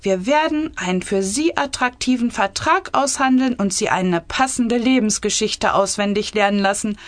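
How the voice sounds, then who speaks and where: A brisk, scheming female chief of staff talking a cabinet round, high and emphatic, in a satirical audiobook, read by a woman. The sound is dry. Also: no echo, lightly acted. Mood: persuasive.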